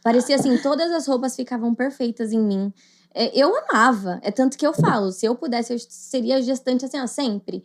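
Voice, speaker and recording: A woman's voice: fairly high pitch, expressive, moderate pace. A young woman with a Brazilian Portuguese accent, co-hosting a podcast and telling a personal story in casual chat, acting out the voices she quotes. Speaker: podcast co-host.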